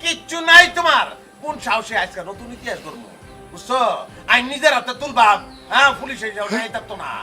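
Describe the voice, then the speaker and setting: A man playing a hot-headed son, fast and shrill. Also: lively intonation, pushed and bright, soft background music, full character voice. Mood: scolding. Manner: fast, heated, scolding. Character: indignant young son defending his mother. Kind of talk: comedy skit acting.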